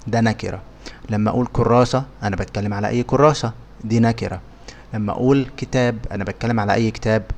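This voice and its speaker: A man with an Egyptian Arabic accent, teaching English words in a scripted lesson and pronouncing each example slowly and carefully. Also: on the low side, steady tone, darkish tone.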